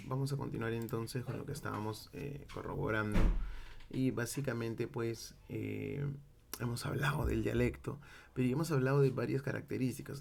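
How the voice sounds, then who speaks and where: A man's voice: mid-range voice, vocal fry, slight background noise. A Peruvian man teaching a linguistics lesson, explaining step by step and checking in with his listeners. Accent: Peruvian Spanish. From Peru. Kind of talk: classroom-style linguistics lecture.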